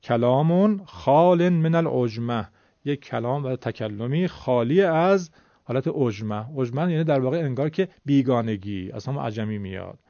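A man with a warm, mellow voice gives a patient lecture as a recitation teacher, now and then chanting short examples. The sound is dry and close, and the recording is dull and slightly lo-fi. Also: medium pitch, lively intonation, gravelly, no echo. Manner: explains patiently, breaks into short chanted demonstrations. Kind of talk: classroom lecture.

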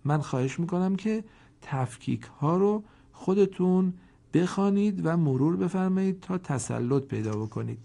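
Gravelly slow-spoken man teaching a lesson. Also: high-pitched, animated, warm tone. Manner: slow, deliberate, pausing to let learners answer. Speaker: Quran reading teacher. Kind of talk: formal recorded lesson.

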